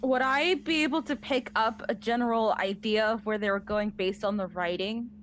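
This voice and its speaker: A woman chats casually during a tabletop game as one of the players. Her voice is a bit high. There is slight noise in the background. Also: moderate pace. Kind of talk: casual chat.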